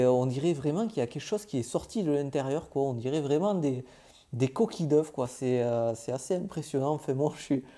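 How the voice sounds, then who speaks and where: A young man recapping his travels in a casual vlog, chatty and informal, pausing often on filler sounds. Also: medium pitch, mellow. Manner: hesitant, many filler "euh"s, chatty and informal. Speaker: travel vlogger.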